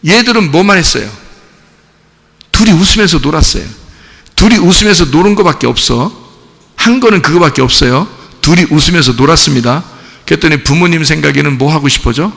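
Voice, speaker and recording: A male pastor preaching a sermon in a church, animated and speaking directly to the congregation. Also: on the high side, fairly quick, creaky. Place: church sanctuary. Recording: long church hall reverb.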